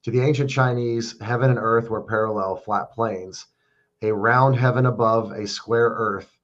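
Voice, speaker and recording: A man on a discussion panel, reading his notes in a steady, unhurried way. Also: lowish voice, lo-fi sound. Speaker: panel guest.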